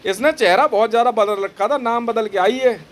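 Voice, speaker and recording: A man telling a dramatic story in a boastful, animated way, quoting the dialogue as he goes. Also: extremely high pitch, brisk. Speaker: vlogger recounting phone calls.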